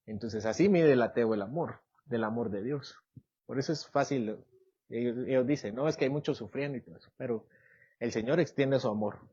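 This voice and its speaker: A man's voice: medium pitch, a little mellow, husky, muffled recording. A man teaching a doctrine class at church, asking his listeners questions and acting out everyday examples. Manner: asks the class questions, acts out examples in quoted voices. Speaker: Bible teacher.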